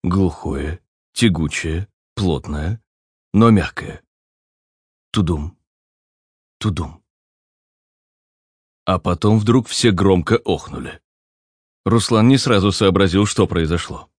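A man narrating an audiobook in an even storytelling delivery. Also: low-pitched, a little slow, no room sound, clean studio sound.

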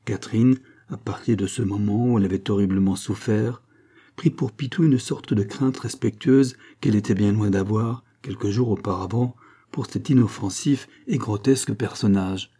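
A man reading a classic novel aloud in measured, even scripted narration. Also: lowish voice, breathy edge. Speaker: audiobook reader.

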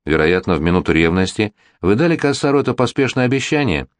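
Guy reading as a smooth old-court regent, low voice, dry, pushy and charming. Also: very animated, fast talker, no room sound. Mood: earnest. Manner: gallant, insistent. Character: worldly, flirtatious middle-aged male prince regent.

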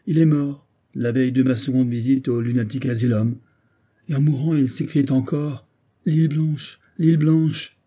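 A man's voice: medium pitch, steady tone, moderate pace, dark tone, lightly acted. A man voicing a weathered male sea captain who grimly recounts an eerie tale from his voyages. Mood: earnest. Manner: grave, storytelling. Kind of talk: scripted narration of a classic story.

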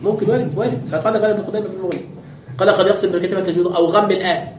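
A man's voice: high-pitched, fairly even intonation, racing, a little hiss or hum. A man, a sheikh giving an explanatory lecture on scripture who poses rhetorical questions and reads texts aloud. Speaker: sheikh teaching exegesis. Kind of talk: classroom lecture with commentary. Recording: roomy, dull lo-fi lecture recording.

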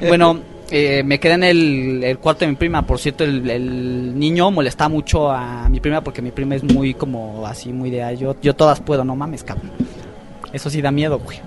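A man's voice: medium pitch, unhurried, over music. A young man telling a spooky personal story in casual, profane chat with friends on a podcast, acting out quotes as he goes. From Mexico. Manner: slangy, profane, animated retelling with voiced quotes. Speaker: podcast host.

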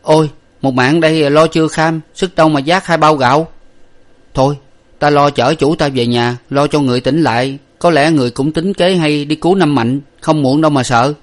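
A man reading a story, voicing an excitable, timid young male servant who shouts urgently. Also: fairly high pitch, moderate pace, pitched above the performer's own voice, natural voice. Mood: eager.

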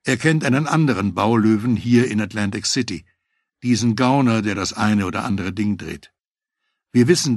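A man voicing an eager, talkative male FBI agent who pitches his plan persuasively, in a husky voice. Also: dry recording, studio quality.

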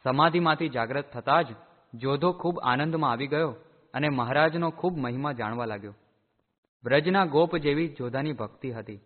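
A man's voice: fairly high pitch, moderate pace. Man reading a devotional storybook. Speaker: narrator. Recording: echoey, tinny phone-like sound.

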